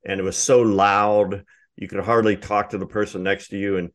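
A man hosts an interview, asking long, hesitant questions full of ums and restarts. His voice is slightly low, and he keeps the tone conversational. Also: little pitch movement, normal speed. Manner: hesitant, filler-heavy questions. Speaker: interviewer, host.

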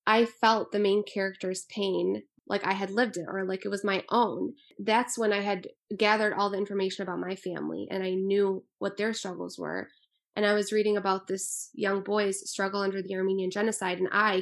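A woman in her twenties, born in Albania, speaking as an author in an earnest, thoughtful interview. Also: medium pitch. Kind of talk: interview answers.

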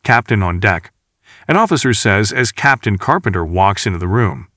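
A man reading his own novel aloud as an audiobook, with an expressive storytelling delivery. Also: lowish voice, moderate pace, no echo, clean studio sound. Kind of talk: audiobook narration.

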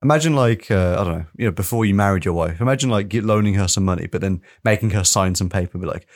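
Laid-back male host, lowish voice, relaxed banter. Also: fast talker. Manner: easygoing, laughs often, short backchannels. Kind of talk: casual chat.

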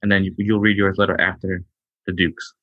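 A man's voice: low voice, little pitch movement, fairly quick, no room sound, dull audio. A man co-hosting a podcast in casual chat, laid-back and stumbling over his words. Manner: laid-back, stammering restarts, says bro. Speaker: podcast co-host.

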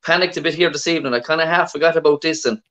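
A man's voice: on the high side, rapid-fire, fairly bright tone. An Irish man talking casually as a guest in a podcast interview over his phone. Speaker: podcast guest, historic rally competitor.

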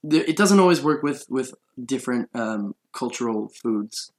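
A man's voice: mid-range voice, lively intonation, normal speed, darkish tone. A young man hosting a podcast, chatting casually and rambling through a story, laughing often. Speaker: podcast host. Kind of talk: casual chat.

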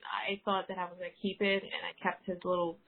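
A woman's voice: on the low side, flat delivery, fast talker. A woman chatting playfully in a voicemail over a landline phone, often trailing off mid-sentence. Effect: heard over a landline phone as a voicemail. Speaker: caller leaving a voicemail. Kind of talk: casual chat. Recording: narrow phone-line voicemail.

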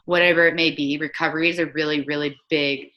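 A young woman in her twenties, a former soccer player, guests on a casual remote interview over a video call, filling her speech with lots of "like." Her low voice is level and quick, and the sound is lo-fi.

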